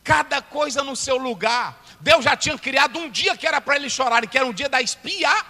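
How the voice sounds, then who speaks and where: Pastor, high bright voice, preaching and shouting, big echoey church. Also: male voice, fairly quick. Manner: preaching with sudden shouted climaxes. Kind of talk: sermon. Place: church hall. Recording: echoey church hall, long reverb.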